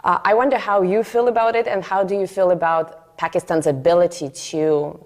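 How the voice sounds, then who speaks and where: Low-voiced woman interviewer. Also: fairly even intonation, a little fast, darkish tone. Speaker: television interviewer. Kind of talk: reflective interview questioning.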